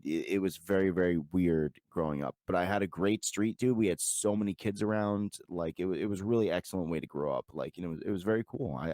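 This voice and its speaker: A man's voice: deep voice, a little mellow, no echo, clean studio sound. A man, a podcast guest telling casual stories in a rambling, profane way full of filler words. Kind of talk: casual storytelling chat.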